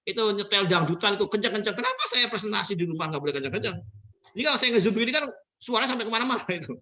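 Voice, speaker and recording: A middle-aged man delivers an animated motivational talk. His voice sits high and bright, with a forceful edge. He acts out little scenes between his points. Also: rapid-fire. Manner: animated storytelling, acting out quotes, laughing often. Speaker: motivational speaker. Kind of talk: lively motivational talk with acted anecdotes.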